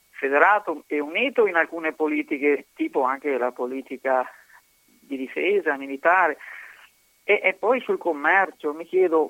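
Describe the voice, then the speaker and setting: A woman's voice: deep voice, no room sound. A woman from Padua calling in to a radio show over a landline phone, talking hesitantly and restarting and repeating her words as she makes her point. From Padua, Italy. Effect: heard over a landline phone. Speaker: caller. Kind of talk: call-in radio comment. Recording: narrow tinny phone line.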